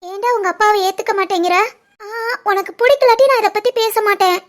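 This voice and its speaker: A woman voicing a caring young wife who comforts her husband, in an animated family drama, with a Tirunelveli Tamil accent. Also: very high voice, brisk. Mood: tender. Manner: soothing, coaxing.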